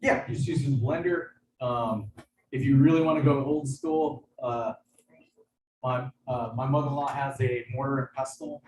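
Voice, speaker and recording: Halting chef on an echoey video call. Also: male voice, mid-range voice, fairly even intonation, darkish tone. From United States. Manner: hesitant, halting, full of fillers and restarts. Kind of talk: casual cooking demonstration. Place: kitchen. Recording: echoey room, far from mic, background noise.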